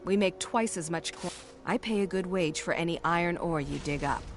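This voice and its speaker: A woman's voice: on the low side, moderate pace, close to an everyday voice. A woman playing a proud, blunt mine owner in a fantasy video game, matter-of-fact and dryly scornful. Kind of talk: video game character dialogue.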